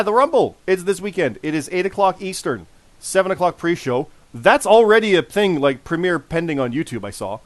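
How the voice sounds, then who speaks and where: Hoarse man in his forties hosting a podcast. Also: fairly high pitch, no echo. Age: 40s. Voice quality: hoarse, worn voice. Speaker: podcast host. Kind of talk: casual podcast talk.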